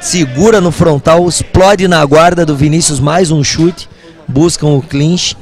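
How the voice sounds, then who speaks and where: A man's voice: a little high, a little slow, faint music behind. A Brazilian man giving live kickboxing commentary as a fight commentator.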